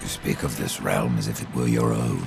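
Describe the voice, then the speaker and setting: An actor playing Death, a grim and curt horseman of the apocalypse in a video game, with a gravelly, sardonic, commanding delivery. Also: rumbling low, steady tone, normal speed, exaggerated voice. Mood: dry, probing. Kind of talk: video game cutscene acting. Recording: loud music under the voice.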